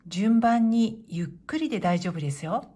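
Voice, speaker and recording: A woman teaching Japanese to beginners in a clear, patient way, modeling pronunciation slowly and encouraging learners. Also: medium pitch, expressive, very noisy. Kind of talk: slow, clear explanatory lesson.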